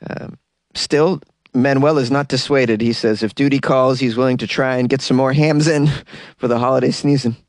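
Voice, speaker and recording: A man's voice: medium pitch, steady tone, moderate pace, dry recording. A man hosting a comedy podcast, casually reading out odd news in a wry, mock-earnest way with rambling asides.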